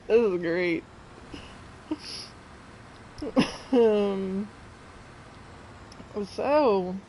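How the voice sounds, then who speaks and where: A woman's voice: a little high, darkish tone, slight background noise. A young woman, chatting casually on a gameplay live stream and laughing often between words.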